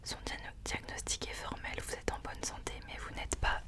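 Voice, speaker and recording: Someone speaking in a hushed, unvoiced library whisper, sharing and reading books in an informal ASMR style. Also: normal speed. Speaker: ASMR host. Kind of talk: whispered ASMR book recommendations and reading aloud.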